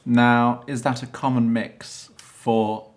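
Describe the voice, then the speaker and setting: A male host interviews his guest in a conversational, inquisitive way. His voice sits at a middle pitch, and he often cuts in with quick remarks. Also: little pitch movement. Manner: chatty, inquisitive, frequent interjections. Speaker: host, fashion photographer.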